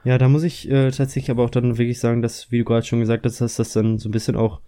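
A young adult man chats casually, rambling and leaning heavily on fillers like "so" and "halt." His medium-pitched voice is flat, very fast and dark in tone.

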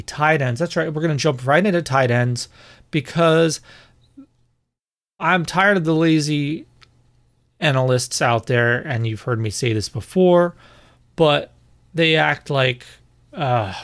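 Opinionated man talking fantasy football. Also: fairly high pitch. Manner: opinionated, conversational with self-corrections. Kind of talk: casual podcast monologue.

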